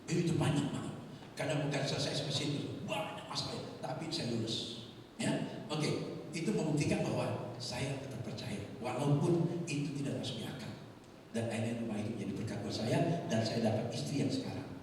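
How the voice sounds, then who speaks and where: A man's voice: mid-range voice, animated, fairly quick, noisy background. A man, a pastor preaching a sermon, telling a personal story and acting out the voices of the people in it. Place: large church hall. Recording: echoey church hall, mic from a distance.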